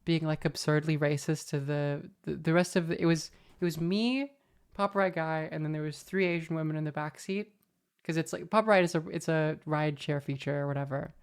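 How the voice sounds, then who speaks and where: Low-voiced woman telling wry stories. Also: fairly quick, clear, resonant tone. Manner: rambling, filler-heavy, wry. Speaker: podcast host. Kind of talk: casual anecdotal storytelling.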